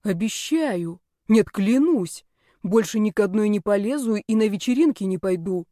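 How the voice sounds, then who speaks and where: A woman's voice: mid-range voice, expressive, normal speed, warm tone, no room sound, studio quality, close to an everyday voice. Woman doing a brash young male friend. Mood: coaxing.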